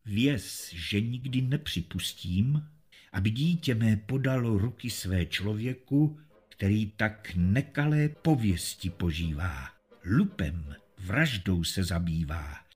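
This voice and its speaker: A man's voice: on the low side, slightly rough. A man doing a dignified, defiant castle lady. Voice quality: calm, measured. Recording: faint music behind.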